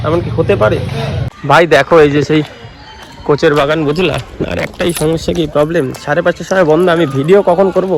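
A young man from West Bengal talks fast and playfully to his viewers, calling them brother. His voice sits a little high. He films himself on a handheld phone as he walks through an outdoor park. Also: steady tone. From West Bengal, India. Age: young adult. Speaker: vlogger. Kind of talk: casual vlog narration. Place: outdoor park by a lake, street.

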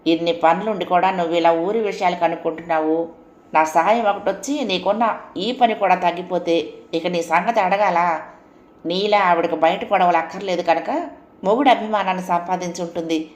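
A woman's voice: on the low side, moderate pace, darkish tone, roomy sound, close to an everyday voice. A woman voicing a stern, sarcastic middle-aged husband who scolds and lectures his wife.

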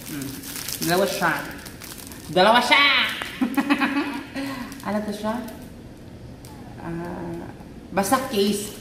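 A woman with a Filipino accent giggling and exclaiming excitedly as she unboxes a phone in a casual vlog. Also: mid-range voice, extremely slow, pauses often, recorded from a distance, slight background noise. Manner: excitable, giggly, mixes Tagalog and English. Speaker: vlogger. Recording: echoey room, faint ambience.

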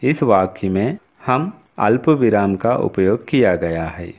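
A man's voice: lowish voice, animated, slow, phone-quality sound. A man teaching a recorded Hindi reading lesson to schoolchildren, patient and repetitive, often addressing the children directly. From India.

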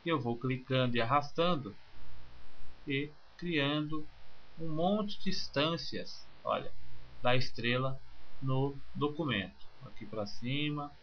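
A man's voice: medium pitch, takes it slowly. Man talking through a screencast. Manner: relaxed, talks through each click step by step. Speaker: software instructor. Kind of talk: screencast tutorial. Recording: slightly muffled with faint hiss.

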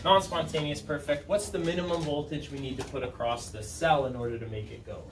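Here the high school chemistry teacher, a man in his thirties, talks a little fast in a slightly high voice with fairly even intonation. His lesson is informal and chatty, full of questions and check-ins with students. It's recorded on a camera placed back in the room, giving a roomy, distant sound with room noise.

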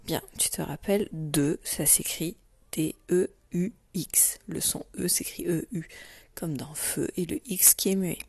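Slow, deliberate woman teacher. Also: lowish voice, darkish tone, a little hiss or hum. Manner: deliberate, repeats each item, stresses sounds. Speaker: primary school teacher. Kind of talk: slow, clear spelling dictation for young children.

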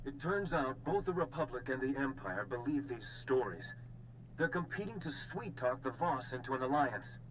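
A cautious political ally voiced by a man in a video game. He gives advice matter-of-factly at a middle pitch, with faint noise in the sound. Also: animated, normal speed, close to an everyday voice, poor audio. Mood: informative. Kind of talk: video game dialogue acting.

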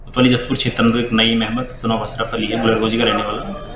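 A man's voice: lowish voice, flat delivery, quick pace, loud music behind the voice. A man in his thirties, a police officer, giving a formal statement to camera in a small office. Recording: roomy, clearly noisy office recording.

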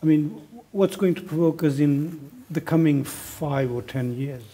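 Dark-voiced man musing on a panel. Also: a little high, husky. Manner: thoughtful, halting. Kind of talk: panel discussion.

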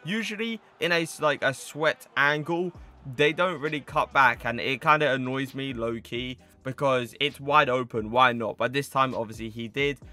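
A man's voice: medium pitch, pushed and bright. A man in his twenties giving casual gameplay commentary in a chatty, slangy way, with stock phrases he repeats. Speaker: gaming video host.

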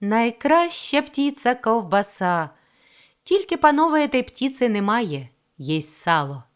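A woman's voice: a little high, sing-song, normal speed, pitched above the performer's own voice. Woman doing a playful sing-song hostess. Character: small, lively hostess who sings.

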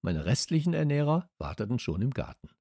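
A man reading a children's audiobook as a first-person narrator, with expressive storytelling. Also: medium pitch, brisk, creaky, dry recording, clean studio sound. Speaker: audiobook reader. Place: studio.

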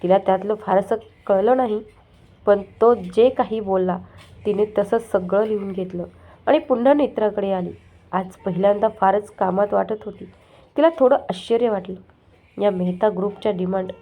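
A woman narrating a story in a steady, even reading voice, with the occasional small restart. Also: mid-range voice, normal speed, phone-quality sound.

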